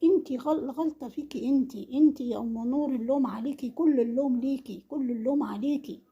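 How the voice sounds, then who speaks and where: A woman with an Egyptian Arabic accent delivers a reproachful vlog monologue and hammers the same accusing questions again and again. Her voice sits somewhat high but sounds mellow and warm, with a husky, breathy edge. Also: quick pace, highs cut off. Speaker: vlogger commenting on an online family feud. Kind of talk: scolding monologue.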